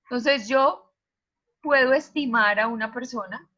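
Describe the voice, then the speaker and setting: A woman's voice: a little high, unhurried, sharp tone, dull audio. A woman teacher giving an online class lecture over a video call, explaining ideas and asking students questions.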